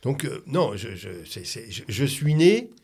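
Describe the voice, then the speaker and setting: A man's voice: mid-range voice, sing-song, vocal fry, darkish tone, husky. A man born in France, a radio guest who talks reflectively and often restarts his sentences. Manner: reflective, halting with many restarts. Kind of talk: conversational radio talk.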